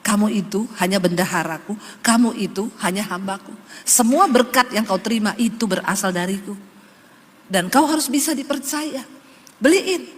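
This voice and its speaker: A woman's voice: mid-range voice, expressive, moderate pace, breathy edge, in a large hall, pitched below the performer's own voice. A woman preacher voicing God as a firm, commanding male voice in a sermon retelling.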